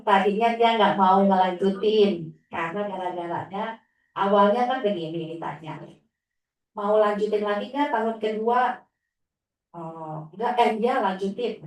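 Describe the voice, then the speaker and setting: A woman of medium pitch talks a little slowly, recounting inspirational stories about her students as a religious teacher and imitating a whining child. The mic is distant and the room is echoey.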